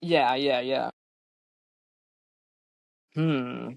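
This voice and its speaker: A podcast co-host chatting casually about a book, laughing often and quick to agree. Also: mid-range voice, fairly even intonation, gravelly, no echo.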